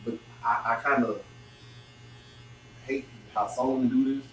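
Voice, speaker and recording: A man in his thirties hosting a casual group podcast chat, talking animatedly with slang and quick interjections. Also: medium pitch, fairly even intonation, fairly bright tone. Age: 30s. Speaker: podcast host. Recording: echoey room, mic at a distance, faint noise.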